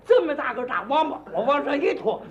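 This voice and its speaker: A man's voice: very high-pitched, very animated, a little fast, lo-fi sound, background noise. A man performing comic crosstalk as a boastful, naive country bumpkin telling his tale, stammering now and then. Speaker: lead comic in a crosstalk duo.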